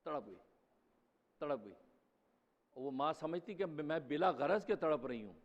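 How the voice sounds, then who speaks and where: A man's voice: fairly high pitch, lively intonation. Emphatic preacher man, echoing hall. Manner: emphatic, rhetorical questions, rising for stress. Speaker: preacher, mufti. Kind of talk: Friday sermon. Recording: dull sound with long hall reverb.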